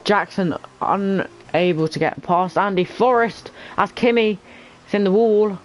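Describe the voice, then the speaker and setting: A man giving casual lead commentary on an online racing league, sometimes halting as he thinks aloud between calls. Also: high voice, fairly even intonation, faint music behind, rough recording. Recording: faint background noise.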